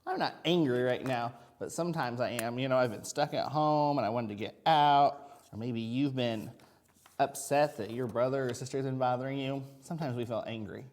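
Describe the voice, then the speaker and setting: A man works as a kindergarten teacher, leading a children's video lesson at a middling pitch. He speaks directly to little kids in simple, encouraging words. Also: moderate pace, a little mellow. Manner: simple, encouraging talk addressed to young children.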